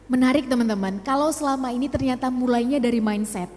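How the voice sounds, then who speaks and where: A woman's voice: high-pitched, quick pace, a little mellow. A young woman giving a motivational talk to a youth audience, asking rhetorical questions and mixing in English phrases. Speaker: speaker at a youth talk show. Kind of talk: motivational public speech. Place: hall with live audience. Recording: long hall reverb.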